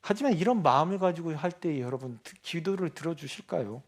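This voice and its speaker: A man with a high voice preaches a sermon in church. He keeps turning to the congregation with rhetorical questions, drops to quiet, low asides, then climbs into loud, insistent declarations. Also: expressive, fairly quick. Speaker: pastor.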